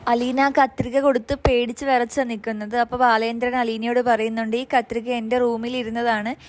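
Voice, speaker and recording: Woman retelling a serial episode, chatty and easygoing, slightly high voice. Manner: chatty, conversational, keeps adding friendly tag words. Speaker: TV serial recap narrator. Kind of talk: casual spoken story recap.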